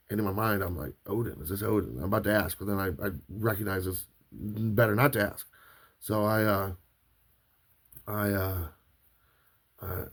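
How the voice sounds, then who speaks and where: Man, low voice, podcast host, casual rambling storyteller, lots of restarts. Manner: rambling, restarts often, many fillers like "like" and "right".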